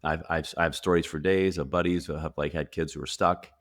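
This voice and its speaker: A man's voice: very deep voice, steady tone, fairly quick, a bit bright. A man appearing as a podcast guest, a coach giving earnest, plain-spoken advice. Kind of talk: casual podcast conversation.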